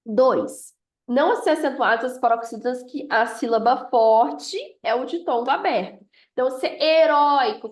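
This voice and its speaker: A woman teaching a grammar review lesson, explaining step by step and often checking in with "ok?". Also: high-pitched.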